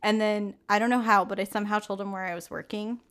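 A woman's voice: mid-range voice, fairly even intonation, fast, a bit bright, smooth. A young woman co-hosting a podcast, telling stories in casual chat, swearing and laughing often. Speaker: podcast co-host.

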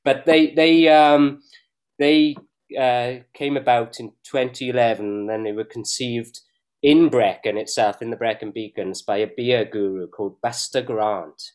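A man's voice: mid-range voice, steady tone, a little slow, a little mellow, smooth. Laughing man in casual banter. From Wales. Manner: chatty and jokey, often laughing. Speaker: beer review show co-host.

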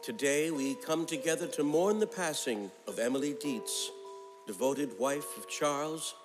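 An actor playing a solemn minister who leads a funeral with a slow, grave delivery. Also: male voice, a little high, natural voice. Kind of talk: musical theatre cast recording. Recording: reverberant stage recording with music.

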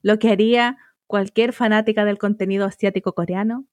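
A young woman with a Chilean accent, co-hosting a casual chat and telling animated stories with slangy asides. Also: medium pitch, no echo, studio quality. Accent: Chilean Spanish. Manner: animated storyteller, quick slangy asides and laughter. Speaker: podcast co-host. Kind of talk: casual chat among friends.

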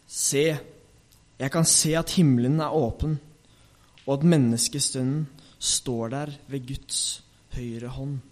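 A man's voice: mid-range voice, steady tone, darkish tone, natural voice. Man voicing a bold adult preacher, solemn, rebuking, spoken like scripture, storybook reading. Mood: devout.

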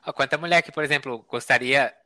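A man chatting on a podcast in a lively, joking and emphatic way. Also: mid-range voice, fast talker, no echo. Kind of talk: casual chat.

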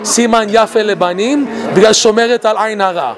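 A man giving an animated Torah talk. He laughs often and asks many rhetorical questions. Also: high voice, a crowd in the background. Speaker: Torah teacher.

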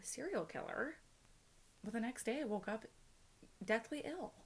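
A woman of about twenty-one hosting a casual chat with a friend, giggly and playful, quick to joke, on a tabletop podcast mic. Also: on the high side, animated, slightly rough. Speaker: podcast host.

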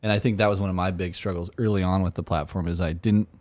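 A man's voice: low-pitched, steady tone, fast, a little mellow, dry recording. A man hosting a casual podcast chat, talking loosely with fillers and the odd swear word. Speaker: podcast host.

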